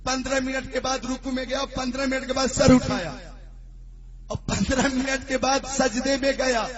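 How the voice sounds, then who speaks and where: بہت اونچی آواز میں جوشیلا خطیب. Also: male voice, extremely high pitch, flat delivery, muffled recording, crowd noise. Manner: storytelling, rising to fervent shouted climaxes; urges the audience to respond. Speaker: preacher. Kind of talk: sermon with humorous anecdotes.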